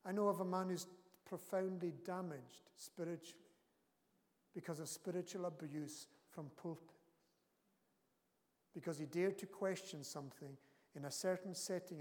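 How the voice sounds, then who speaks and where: A man's voice: a little high, a little mellow. A man preaching a sermon as pastor of his church, earnest and emphatic, his intensity rising and falling. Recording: long reverb of a church hall.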